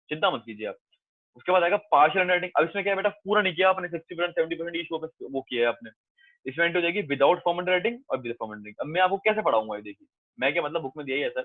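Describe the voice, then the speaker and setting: A man with a slightly high voice rattles through a commerce lecture at rapid-fire speed. Coaxing and reassuring, he keeps calling his students "beta" and repeating points. The sound is dry and tinny, phone-like, without any room sound.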